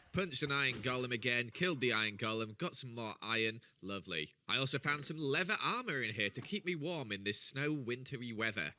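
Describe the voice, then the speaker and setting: Bright, lively man narrating gameplay. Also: mid-range voice. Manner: playful, jokey and self-mocking. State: has the hiccups. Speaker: gaming channel host.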